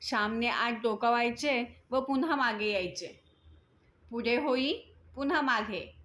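A woman reading a moral story aloud in a measured, steady storytelling voice. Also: on the high side.

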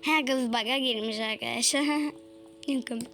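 A woman's voice: high-pitched, normal speed, fairly bright tone, faint music behind. A woman giving casual let's-play commentary, chatty and exclaiming as she talks to her viewers. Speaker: gaming YouTuber.

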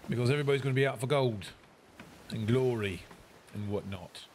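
A man's voice: medium pitch, fairly quick, a little mellow, slight background noise. A man giving casual commentary while he plays a game, musing aloud to himself. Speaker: game streamer.

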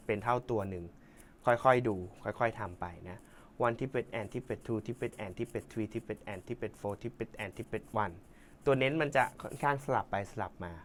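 A man's voice: mid-range voice, a bit bright, slight background noise. A man teaching a drum lesson, counting beats aloud and explaining hand patterns with casual asides. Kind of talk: relaxed spoken drum lesson.

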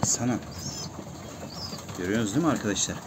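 Speaking fast with lively intonation in a fairly low voice, this pigeon keeper chats with his viewers while repeatedly calling his birds in. Cooing pigeons and background noise can be heard.

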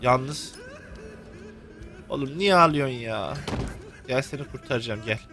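A young man provides let's-play commentary on a video game, joking and swearing at the characters as he plays. His medium-pitched voice is unhurried, with music playing behind him.

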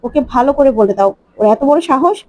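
A woman's voice: high-pitched, expressive, normal speed, mellow, highs cut off. A woman doing a scolding, accusing young wife. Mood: scornful. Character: angry young wife defending her husband.

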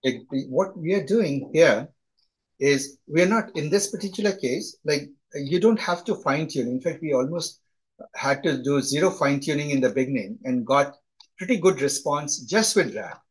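Through poor audio, a middle-aged instructor with a thick Indian accent teaches a live class over video call in a chatty way, repeatedly asking "right?". His voice is a little high, husky and animated, at normal speed.

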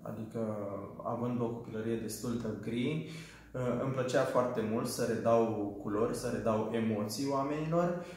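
A man's voice: mid-range voice, a little mellow. Guy in his twenties, small business owner, earnest, lots of ums, super echoey room. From Romania. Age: 20s. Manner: earnest, hesitant with frequent fillers. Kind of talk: testimonial for a training video.

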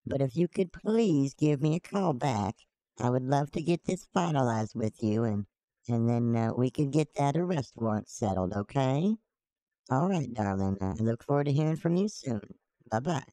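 A rambling old lady, put on by a man, leaves a voicemail, full of ums, endearments and blessings. Her voice is mellow and dark, in a dry, close sound with no room around it. She sounds fond and a little scattered. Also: mid-range voice, expressive, normal speed, dry recording, natural voice, low-quality recording. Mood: sweet. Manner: doting, hesitant, calls listener sweetheart. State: leaving a voicemail. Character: sweet rambling old woman caller.

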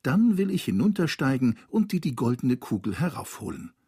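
A man's voice: medium pitch, big pitch swings, normal speed, warm tone, husky, no echo, studio quality. A man reading a fairy tale aloud, voicing an ugly frog in a well who bargains in a coaxing, wheedling way.

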